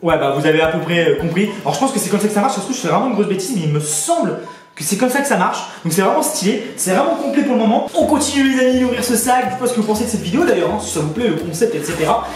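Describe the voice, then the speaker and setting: A man's voice: high-pitched, expressive, racing. A man chatting casually to his viewers on a headset mic as he unboxes things, eager and addressing them as friends. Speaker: YouTuber. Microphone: borrowed headset. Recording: echoey, distant headset sound with music.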